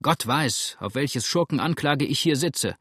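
A man's voice: medium pitch, animated, unhurried, fairly bright tone, breathy edge, dry recording, clean studio sound. A man reading an audiobook, voicing an indignant young sailor complaining from a jail cell.

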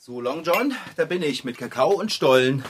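A man's voice: on the high side, lively intonation, normal speed, a little hiss or hum, close to an everyday voice. A man playing an easygoing, indulgent bicycle mechanic who owns a cat. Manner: easygoing, good-natured, indulgent. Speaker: bicycle mechanic, the cat's owner. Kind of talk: children's radio play acting.

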